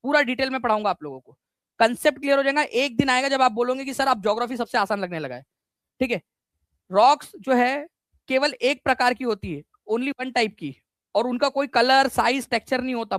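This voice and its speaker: A male teacher giving a live online exam-prep class, energetic and repetitive, quizzing his students and mixing in English words. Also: very high voice, dry recording.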